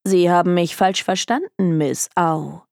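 A woman's voice: on the low side, animated, moderate pace, gravelly, darkish tone, no room sound, clean studio sound. A woman voicing an arrogant, bored young male detective who talks in a scornful, dismissive drawl. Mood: smug.

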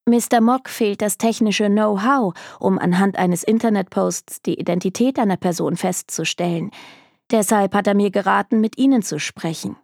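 A woman's voice: medium pitch, normal speed, creaky, darkish tone, dry recording, studio quality, natural voice. A woman voicing a determined, grieving young woman who asks a detective for help, earnest and pleading.

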